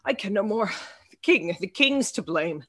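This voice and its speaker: A woman's voice: medium pitch, animated, moderate pace, bright, forceful tone. A woman acting a poisoned, repentant young nobleman in a Shakespearean tragedy. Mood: urgent confession.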